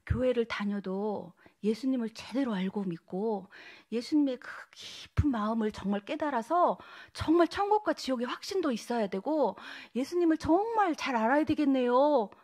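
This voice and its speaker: A woman evangelist giving an emotional testimony sermon, speaking earnestly and sometimes dropping to a soft whisper. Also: on the high side, lively intonation, normal speed, hardly any pauses.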